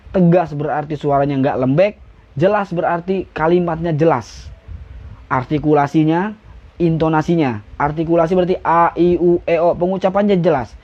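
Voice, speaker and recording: A man's voice: fairly high pitch, a little mellow, dull audio. A young man teaching flag ceremony steps in a casual live-stream lesson, joking and now and then barking out commands.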